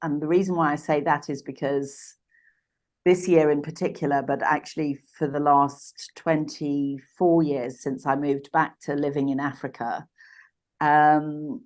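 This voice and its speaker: A woman in her sixties from Uganda, a podcast guest telling her life story in a reflective, halting way with frequent restarts. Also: deep voice, little pitch movement, darkish tone. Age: 60s. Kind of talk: personal storytelling in a podcast interview.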